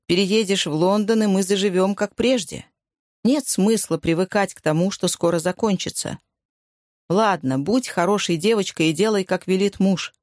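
A narrator voicing a gruff, domineering soldier husband who gives blunt orders in a dry recording. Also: mid-range voice, moderate pace, darkish tone, no echo, natural voice.

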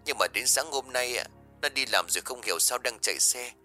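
A man voicing a grieving middle-aged woman, speaking soft and choked with tears. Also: medium pitch, animated, fairly quick, faint music behind, pitched above the performer's own voice. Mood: grief-stricken.

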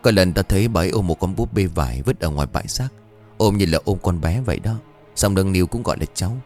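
A man's voice: low voice, expressive, quick pace, darkish tone, faint music behind. A man voicing a blunt, bossy village boy in a told story. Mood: puzzled.

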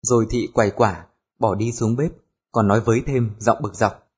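A man narrating an audiobook in a steady storytelling voice. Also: fairly low pitch, moderate pace, slightly rough. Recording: dull lo-fi recording with music.

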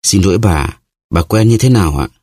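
Trusting young woman in a storybook reading, earnest and pleading, a bit husky, as a man reads her. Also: low-pitched, animated, fairly quick, mellow, dry recording, studio quality. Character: frightened, eager young woman, gentle and trusting. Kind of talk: audiobook character reading.

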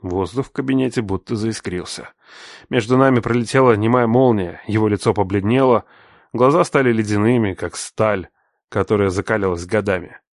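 A man narrating a first-person story in a tense, measured audiobook style. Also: lowish voice, no echo, clean studio sound.

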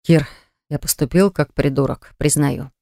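A man's voice: on the high side, fairly even intonation, unhurried, creaky, darkish tone, dry recording. A man voicing a jealous young ex-fiancé who pleads earnestly to win her back, in an audiobook. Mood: insistent. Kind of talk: audiobook dialogue reading.

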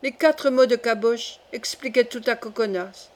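Lady reading an old novel aloud, expressive, kinda high voice. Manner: measured, expressive storytelling. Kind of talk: audiobook narration of a classic novel.

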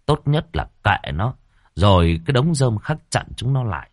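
A man's voice: on the low side, very animated, moderate pace, dry recording, studio quality. A man narrating a comic ghost story in a dramatic, colloquial way.

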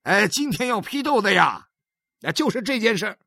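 A man's voice: high voice, very animated, moderate pace, gravelly, bright, forceful tone, no echo, studio quality, voice pushed up, exaggerated voice. A man voicing a stern husband who lectures and gives orders, in an audiobook dialogue. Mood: commanding. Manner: commanding, lecturing. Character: stern husband presiding over a family denunciation.

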